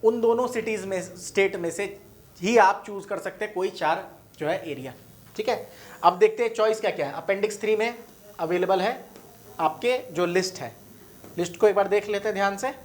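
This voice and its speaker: A man's voice: high-pitched, moderate pace. A man teaching an online exam-prep lesson in a casual, direct voice. He runs through long lists item by item, tripping over words and correcting himself as he goes. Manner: casual, direct address to students.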